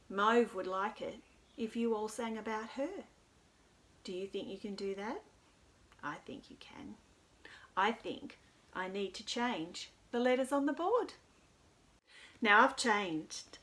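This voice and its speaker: At a library storytime, a woman speaks to young children in simple, encouraging phrases with a sing-song lilt. Her voice sits in the mid-range and is a bit bright.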